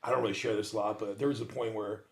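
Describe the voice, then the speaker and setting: A middle-aged man, a podcast guest, telling his recovery story in casual talk, animated and laughing often. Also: lowish voice, very fast, creaky.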